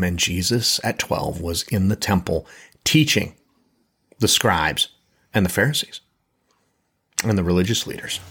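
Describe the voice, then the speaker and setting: Man, lowish voice, Bible teacher, conversational lesson, checks in with listeners. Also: a bit bright, slightly rough. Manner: conversational, repeats words and checks in with "okay?".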